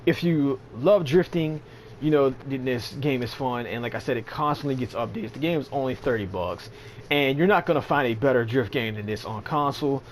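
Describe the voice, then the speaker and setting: A man's voice: medium pitch, a little fast, a little hiss or hum. A man giving casual, rambling commentary on a game update, sleepy and yawning, with lots of fillers and slang. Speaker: gaming channel host.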